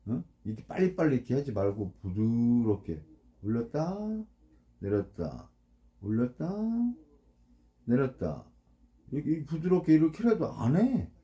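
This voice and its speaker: A man's voice: medium pitch, big pitch swings, normal speed, dark tone. A man, a fishing boat captain, giving casual blunt advice to anglers. He keeps asking for agreement and imitates the sounds of the gear. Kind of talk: casual instructional talk.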